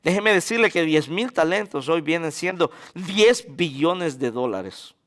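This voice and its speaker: A man preaching a sermon, asking the congregation questions and answering them himself, rising sharply in pitch when he quotes scripture. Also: measured pace. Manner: animated, jumps in pitch when quoting scripture. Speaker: pastor.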